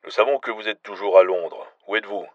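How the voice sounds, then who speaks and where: A man doing a gruff American agent. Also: fairly low pitch, steady tone, fast talker, no room sound, muffled recording, natural voice. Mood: cold, menacing. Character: gruff male American special agent, cold and threatening.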